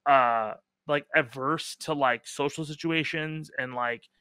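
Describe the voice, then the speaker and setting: A man's voice: fairly high pitch, steady tone, slow, pushed and bright, clear, resonant tone, no echo, clean studio sound. A man hosting a casual podcast chat, talking emphatically with lots of fillers and casual swearing. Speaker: podcast host.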